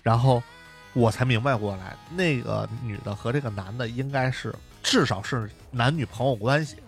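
A man co-hosting a podcast, telling a story in casual chat, animated and chatty with many tag questions. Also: medium pitch, normal speed, soft background music. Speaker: podcast co-host.

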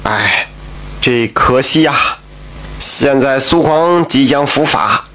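A male storyteller voicing a drunk, scheming young husband who confides a secret in a low, sighing drawl. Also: slow pace, pushed and bright. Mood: confiding. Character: scheming rich young man, drunk, confessing.

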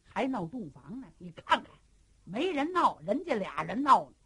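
A woman's voice: on the high side, very animated, moderate pace, pushed and bright. A woman storyteller voicing a nosy, teasing male comrade.

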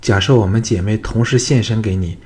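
A man's voice: fairly low pitch, brisk, darkish tone, breathy edge. A man voicing a bold, proud young woman who pleads earnestly in a raised voice, as an audiobook character. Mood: pleading.

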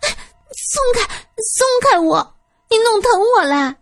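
A woman voicing a spoiled, sharp-tongued young woman who wheedles, teases and bullies in a high, shrill voice. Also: very animated, slow, no echo, clean studio sound, faint music behind, exaggerated voice. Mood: sneering, shrill.

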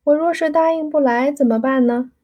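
A woman's voice: high voice, a little fast, muffled recording, pitched above the performer's own voice, close to an everyday voice. A woman voicing a shy young woman being courted, coy and teasing as she dodges a proposal. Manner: coy, laughing off the question.

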